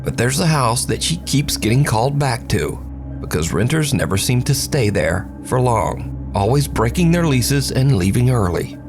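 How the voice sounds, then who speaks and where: A man's voice: medium pitch, sing-song, moderate pace. A man hosting a video countdown, narrating clips in a dramatic, playful storytelling way. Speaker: host narrating viral videos. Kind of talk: scripted narration. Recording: background music.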